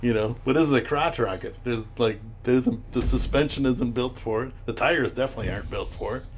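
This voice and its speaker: A man chatting casually on a live stream, telling stories in a lively way and acting out what others said. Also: mid-range voice, brisk, low-quality recording. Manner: storytelling, animated when quoting others. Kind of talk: casual chat. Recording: noticeable background noise.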